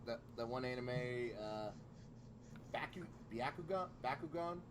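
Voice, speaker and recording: A man with a lively, swinging voice, excitable and swearing freely as he chats about his game character. There is clear background noise on his line. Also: medium pitch, measured pace. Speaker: player. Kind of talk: casual chat over voice call.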